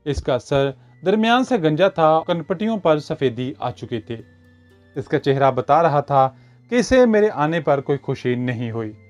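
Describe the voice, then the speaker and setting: Lively male story narrator. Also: a little high, unhurried. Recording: dull lo-fi audio with faint music.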